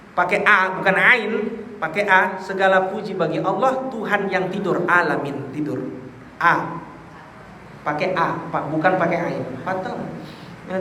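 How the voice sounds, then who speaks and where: Lively high-voiced man preaching in an echoey hall. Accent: Indonesian. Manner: lively, acts out quotes, addresses listeners directly. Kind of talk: sermon to a women's study group. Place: mosque hall. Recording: echoey hall, faint background noise.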